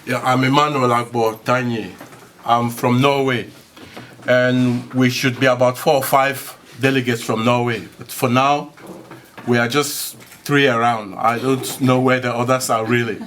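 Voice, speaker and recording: Guy introducing himself at a meeting, relaxed, mid voice, faint hiss. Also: medium pitch, unhurried. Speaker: delegate. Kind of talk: formal self-introduction.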